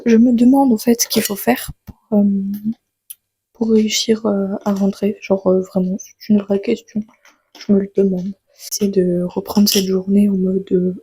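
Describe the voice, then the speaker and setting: A young French woman with an Auvergne accent talks through her day in a loose vlog style. Her voice is breathy and husky and full of fillers and restarts. The recording is dry and close, with no room sound. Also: mid-range voice, dark tone, no echo. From France. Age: 20s. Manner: chatty, frequent fillers and restarts. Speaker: vlogger. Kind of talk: casual vlog chat.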